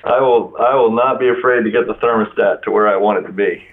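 A man's voice: lowish voice, fairly even intonation, fast. A man in his forties from Florida, talking casually as a guest on a telephone line. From Florida, United States. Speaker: interview guest. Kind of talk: casual chat. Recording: narrow-band telephone line.

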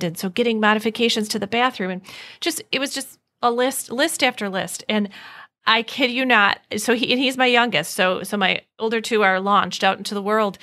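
A woman's voice: medium pitch, a bit bright. A woman in her forties hosting a conversational interview, upbeat and candid, laughing often as she talks. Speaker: podcast host.

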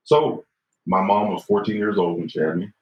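A man in his fifties, low-voiced and steady, speaks at normal speed in a podcast conversation where he's the guest. Earnest and reflective, he uses "you know" and "right?" often. Roomy, dull lo-fi sound.

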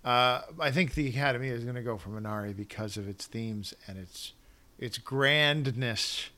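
Bright-voiced rambling man. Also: medium pitch, moderate pace. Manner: rambling, loses his thread, self-corrects. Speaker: podcast co-host. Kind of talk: casual film-awards chat.

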